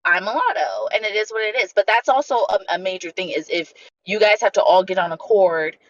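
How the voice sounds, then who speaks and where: A woman from Bangladesh talking in a casual livestream chat, emphatic and animated as she tells her story. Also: mid-range voice, brisk, slight background noise. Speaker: livestream guest. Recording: dull lo-fi stream audio.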